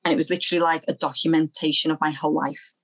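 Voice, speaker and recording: A young woman from Liverpool, speaking as an interview guest, earnest and halting, often repeating phrases as she recalls her past. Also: low voice, flat delivery, poor audio. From Liverpool, England. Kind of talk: personal testimony in an interview.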